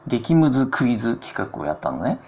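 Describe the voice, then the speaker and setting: A man's voice: mid-range voice, big pitch swings, a little fast, darkish tone. A man hosting his own solo talk show, chatty and self-mocking, with jokey asides. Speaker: podcast host.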